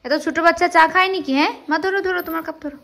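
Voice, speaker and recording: A woman's voice: racing, vocal fry, fairly bright tone. A young woman talking casually to her viewers in a home and festival vlog, chatty and direct. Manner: chatty, talks to viewers directly, lowers voice to near whisper while baby sleeps. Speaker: vlogger.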